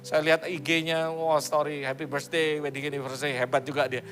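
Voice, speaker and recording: A man's voice: a little high, level tone, a little fast, fairly bright tone, faint music behind. A male pastor preaching a sermon in a playful, joking way, slipping English phrases into his talk.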